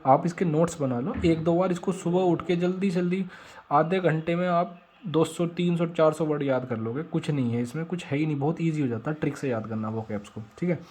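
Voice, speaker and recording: A man's voice: a little high, brisk, darkish tone. A man teaching vocabulary in a casual explanatory lesson, repeating words over and over as he drills rhyming memory tricks.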